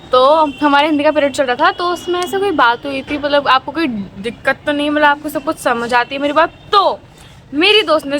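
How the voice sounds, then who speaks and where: A woman's voice: sits high, a bit bright, a little hiss or hum. A teenage girl telling a story in a casual vlog, talkative and dramatic, filling her speech with little check-ins to her viewers. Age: teens. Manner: chatty, dramatic, frequent "theek hai" fillers. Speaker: vlogger.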